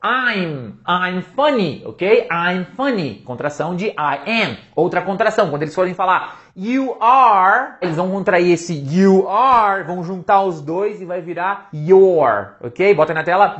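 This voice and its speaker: A Brazilian man teaches English in a relaxed, upbeat video-lesson style. He is playful and enthusiastic and hypes up his study materials. The recording sounds slightly dull and lo-fi. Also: high voice, unhurried, hardly any pauses. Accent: Brazilian Portuguese. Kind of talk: casual online English lesson.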